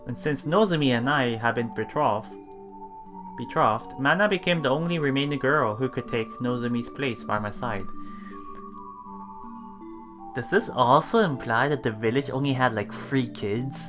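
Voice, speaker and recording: Reading a visual novel aloud for a let's play, a streamer speaks at medium pitch and normal speed. Game music runs underneath while they stumble, repeat phrases, and drop murmured comments between sections.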